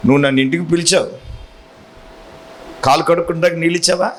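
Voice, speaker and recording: A preacher voicing a gentle male teacher who calmly rebukes his host with low, reproving questions. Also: fast, slight background noise, natural voice.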